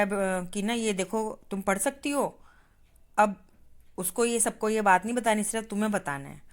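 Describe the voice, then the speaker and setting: A woman teacher giving a patient, step-by-step science lesson to schoolchildren, spelling letters aloud as she demonstrates. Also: medium pitch. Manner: patient, addresses pupils as "beta".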